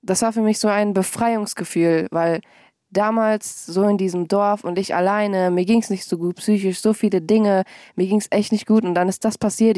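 A woman's voice: dry recording, clean studio sound. Chatty young German woman laughing often. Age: young adult. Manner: chatty and animated, laughs often, acts out quotes in a higher voice. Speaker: musician guest. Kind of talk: casual interview chat.

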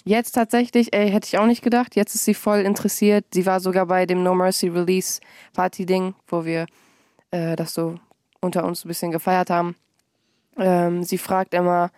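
A young woman, a musician, chatting casually in an interview, animated and quick to laugh, acting out quotes in a higher voice. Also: no room sound, studio quality. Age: young adult. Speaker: musician guest.

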